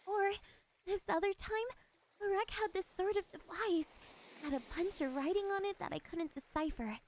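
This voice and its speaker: For an ASMR roleplay, a voice actress performs a high, feminine siren at a normal speed, with some noise in the background. Lonely and curious, she wistfully coaxes the listener with a fascinated air, while beneath her politeness lies something possessive and quietly menacing.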